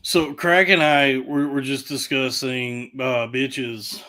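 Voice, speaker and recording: A man hosting a podcast, introducing co-hosts with halting, joking banter. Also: mid-range voice, steady tone, bright, forceful tone. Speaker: podcast host.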